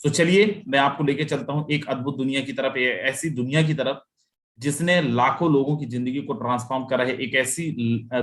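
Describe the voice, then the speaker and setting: A man presenting a live online webinar, delivering an emphatic, repetitive sales pitch and lifting his voice on every "my friend" to call out to the audience.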